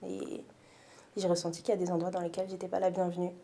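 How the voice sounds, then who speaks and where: Mellow, low-voiced young woman guest. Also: completely flat delivery, fast, vocal fry, slight background noise. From France. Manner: reflective, hesitant with many fillers. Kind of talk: casual interview chat.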